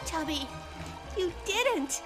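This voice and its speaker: A quick-witted little girl heroine from a kids' cartoon, bossy and sure of herself. Her very high voice moves at an unhurried, deliberate pace with lively swings, over prominent music. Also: exaggerated voice. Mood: scolding. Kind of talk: children's cartoon voice acting. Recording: music behind the voice.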